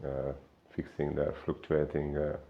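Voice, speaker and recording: Very deep-voiced Hungarian man, gravelly. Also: monotone, dull audio. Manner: unhurried, many filler pauses. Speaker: fitness coach. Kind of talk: explainer talk to camera.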